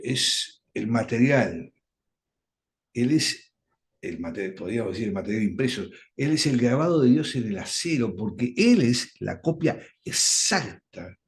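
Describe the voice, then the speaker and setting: Slow, expressive preacher man. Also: medium pitch. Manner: slow, deliberate teaching with rising emphasis on key words. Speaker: Bible teacher. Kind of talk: radio Bible study.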